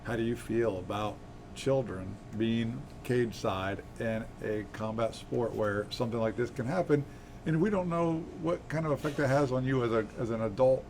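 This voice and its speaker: A man's voice: medium pitch, normal speed, darkish tone, a little hiss or hum. A man co-hosting a sports talk show, chatty and teasing, full of fillers. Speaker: sports radio co-host.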